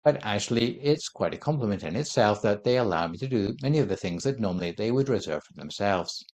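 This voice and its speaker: A Buddhist monk with a lowish voice gives a calm dharma talk, laying out his points in a measured, gentle manner. Thai is not his first language.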